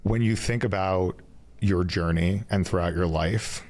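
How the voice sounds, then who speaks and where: A man with a deep, low-pitched voice hosts a reflective podcast interview. He talks in a measured, affirming way, drawing the guest's points together. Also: darkish tone. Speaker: podcast host.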